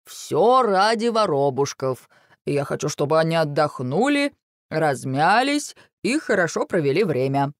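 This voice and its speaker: A bossy, boastful sparrow father hurries his family along, as a man acts him out. His voice bounces lively between high and low, and the recording is close and dry. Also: a little slow, no echo. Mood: bossy, hurried. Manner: impatient, boastful. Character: bossy hurried sparrow dad, middle-aged.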